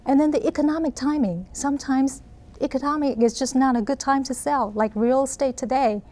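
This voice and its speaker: A middle-aged Taiwanese woman, speaking with a Taiwanese accent, gives earnest, explanatory interview answers with frequent laughs. Her voice is high-pitched and darkish in tone, and she talks fairly quickly.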